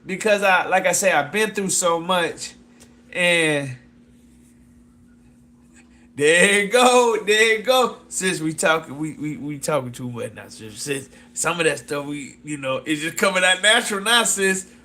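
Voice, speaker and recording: A man with a high, bright, forceful voice chats casually and unhurriedly with his viewers. He talks loosely, circles back over the same phrases and keeps addressing someone as "sis". Excited whoops and chuckles break up his talk. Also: unhurried. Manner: exclamatory whoops and laughs. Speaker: fashion designer pitching his brand. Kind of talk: casual live chat with viewers.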